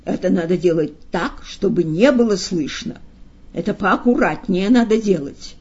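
A woman putting on a gushing, sly old-world gentleman for an audiobook, breathy and mellow under a dull lo-fi sound. he fusses and exclaims, always flattering. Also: medium pitch, normal speed. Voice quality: effusive, exclaiming. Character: fussy, talkative male retinue member, sly.

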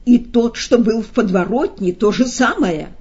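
A woman putting on a gushing, sly old-world gentleman for an audiobook, breathy and mellow under a dull lo-fi sound. he fusses and exclaims, always flattering. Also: fairly high pitch, moderate pace, pitched above the performer's own voice, exaggerated voice. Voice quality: effusive, exclaiming. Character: fussy, talkative male retinue member, sly.

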